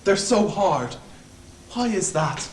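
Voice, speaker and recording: A man's voice: sits high, expressive, slow pace, a little hiss or hum. A young man playing a fawning, anxious convict in a stage play, stammering and rambling, heard from far off on an echoey stage. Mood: nervous rambling. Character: fawning anxious male Irish convict hangman. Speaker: student actor.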